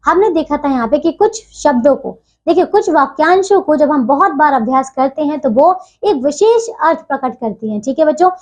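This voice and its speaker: High-voiced woman teaching a class. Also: animated, brisk, a little mellow. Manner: explains patiently, repeats phrases, says "ठीक है" often. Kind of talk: textbook lesson for children.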